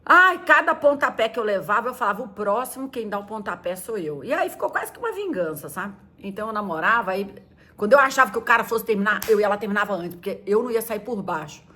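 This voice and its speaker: Chatty woman pastor with a lively voice. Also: fast talker. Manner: chatty and playful, acting out quotes in high squeaky voices. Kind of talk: casual talk to teenagers.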